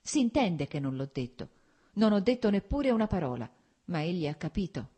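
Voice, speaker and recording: Varinka, a woman reading a calm gentle lady. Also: on the low side, normal speed, slightly rough. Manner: calm, gentle, plain-spoken. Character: calm, gentle young woman, mild and tired.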